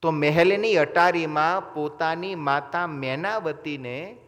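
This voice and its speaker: A man's voice: on the high side, slow, a bit bright. A man preaching a sermon, telling a story with dramatic dialogue. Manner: dramatic storytelling, voices mother and son in dialogue. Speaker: swami preacher. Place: temple hall. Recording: long reverb of a large hall.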